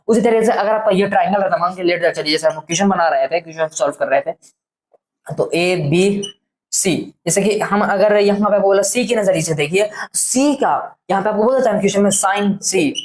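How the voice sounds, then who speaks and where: Chatty young man tutoring trigonometry. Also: high-pitched. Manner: chatty, asks and answers his own rhetorical questions; slows right down to drill a term word by word. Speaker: maths tutor. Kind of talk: casual classroom-style maths explanation.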